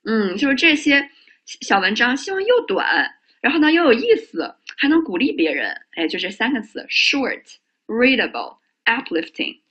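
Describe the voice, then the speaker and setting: Lively male English teacher, husky. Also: very high voice, moderate pace, lo-fi sound. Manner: lively, joking, asks the class questions. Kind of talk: exam listening lesson.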